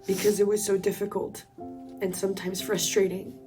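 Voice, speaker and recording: A woman from Colombia sharing a personal faith testimony in a reflective, earnest way, with pauses. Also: mid-range voice, flat delivery. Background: soft instrumental music.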